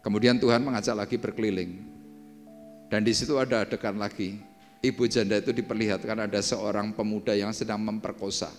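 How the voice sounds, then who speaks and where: A male pastor preaches and tells a story in a low, steady voice. He moves between hushed and forceful lines. His voice rings through a large echoing church hall, with soft instrumental music behind. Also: a little fast. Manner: dramatic, swinging between hushed and emphatic. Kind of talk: sermon with storytelling.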